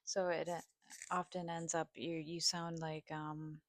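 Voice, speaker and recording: Slow-talking woman with vocal fry. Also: deep voice, flat delivery. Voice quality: vocal fry, sometimes scratchy. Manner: halting, hesitant, with pauses. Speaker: video host. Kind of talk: rambling personal vlog, partly reading a study aloud.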